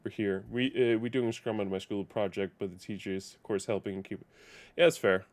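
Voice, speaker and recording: Male streamer, lowish voice, casual rambling chat while playing a game. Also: fairly even intonation, brisk. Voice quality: rambling, self-correcting.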